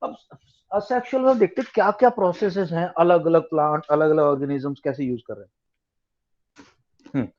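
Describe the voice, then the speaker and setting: A man's voice: fairly high pitch, brisk, pauses often. A man with a slightly raised voice tutors students over an online class, switching between Hindi and English as he explains. He asks the class questions as he goes. The sound is muffled and lo-fi.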